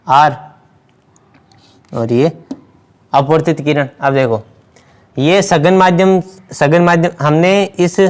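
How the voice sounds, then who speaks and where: Man teaching science at a board. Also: fairly high pitch. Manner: explains step by step, repeats key words while writing. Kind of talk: blackboard lesson.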